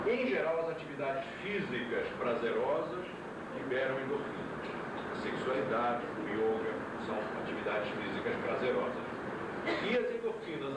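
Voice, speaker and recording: A man with a Brazilian Portuguese accent, lecturing a yoga class emphatically and asking rhetorical questions, heard from an old VHS tape recording. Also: mid-range voice. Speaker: yoga teacher. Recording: echoey room from far off, loud tape hiss.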